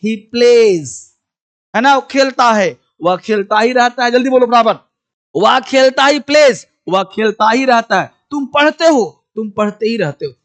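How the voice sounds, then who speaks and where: A man's voice: extremely high pitch, lively intonation. A man teaching a basic English grammar lesson, calling viewers friend and brother as he drills example sentences. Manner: slow spelled-out English phrases between quick Hindi.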